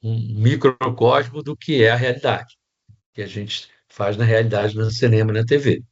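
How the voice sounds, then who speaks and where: A man's voice: lowish voice, fairly even intonation, moderate pace, highs cut off. Rambling Brazilian male set-design teacher. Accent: Brazilian Portuguese. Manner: rambling, restarts, frequent "né?" tag. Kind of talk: casual online class.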